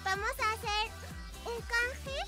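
A woman streamer chatting live in a cute, girlish anime-style voice, gushing and highly expressive. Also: slow pace, over music. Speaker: streamer hosting a live chat. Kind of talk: casual live-stream chat.

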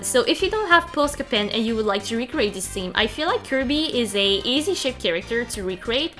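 Narrating a bullet journal video, a young Quebec woman speaks in a French Canadian accent with a fairly high, fairly bright voice. She is chatty and casual, dropping in lots of ums and uhs along with light laughs.

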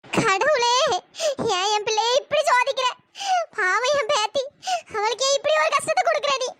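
A tearful old grandmother, crying and wailing to the heavens, as a performer puts her on. The voice is pushed very high, like a sped-up cartoon, and she pleads and frets without pause. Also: bright, forceful tone, no echo. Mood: anxious, tearful. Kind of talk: pitch-shifted cartoon voice acting.

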